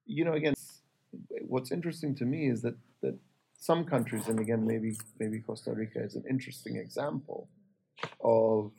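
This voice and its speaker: A man with a dark, relaxed voice and a gravelly fry leads a discussion. He is thoughtful and hesitant, repeating words as he works toward his point. Some ambient noise sits behind him. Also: mid-range voice, normal speed. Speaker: interviewer in a discussion.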